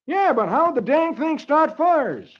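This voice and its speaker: A man playing an excitable young cowboy sidekick with loud, high exclamations on a vintage radio broadcast. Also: a little slow, full character voice. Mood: excited. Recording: dull lo-fi vintage radio recording.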